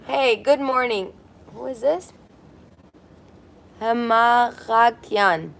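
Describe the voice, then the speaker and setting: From her apartment balcony beside a busy street, a woman hosts a casual livestream, chatty and giggly as she reads comments aloud. Her voice is on the high side, very slow, and creaky. Street traffic carries through as outdoor noise.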